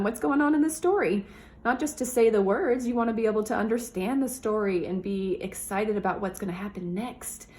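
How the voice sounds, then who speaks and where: A teacher reads aloud to children in a slightly high voice. She speaks directly to her young listeners in an animated way.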